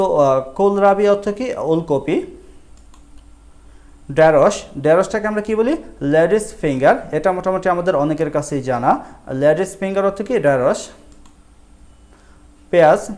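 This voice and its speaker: A man teaching a vocabulary lesson, asking and answering his own questions in a slow, repetitive drill. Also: high-pitched, darkish tone.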